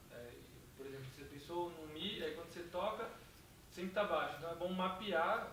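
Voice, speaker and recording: A man with a Brazilian Portuguese accent quickly summarizing a talk as its interpreter, hesitant, with many fillers. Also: a little high, fairly bright tone. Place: hotel event hall. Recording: echoey hall from far off, with noise.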